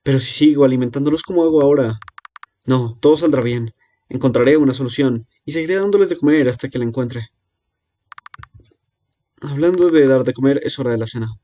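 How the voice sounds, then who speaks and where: A man voicing a lonely young girl left alone to feed monsters in her cellar, reading game dialogue aloud with a hesitant, quiet delivery. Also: mid-range voice, brisk, long pauses, lightly acted. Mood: anxious.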